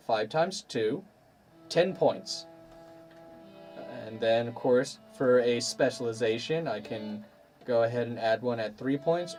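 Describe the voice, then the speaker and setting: A man hosting a stream as game master, playfully walking players through tabletop rules. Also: mid-range voice. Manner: animated, playful explainer.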